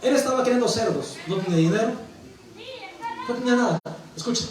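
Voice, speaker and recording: A man's voice: very high voice, a little fast, crowd noise. A male pastor from Mexico preaching a sermon, with emphatic bursts and rhetorical questions. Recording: echoey hall, voice from a distance.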